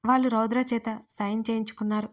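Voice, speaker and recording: Woman storyteller with a slightly high, level delivery, reading a heartfelt first-person story. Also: flat delivery, fast. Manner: emotional storytelling, voicing all characters herself. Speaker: writer and narrator.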